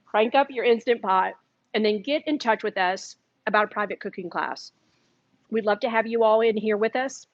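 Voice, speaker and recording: In a shop kitchen, a cooking class host runs a casual live demonstration, chatty and talking through mouthfuls of food. She has a mid-range voice; there's no echo, and the highs are cut off.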